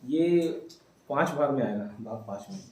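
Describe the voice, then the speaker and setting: A male teacher dictating a lesson to his class, spelling out words slowly and telling students what to write down. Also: mid-range voice, expressive, far from the mic, a little hiss or hum. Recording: echoey room, voice from afar.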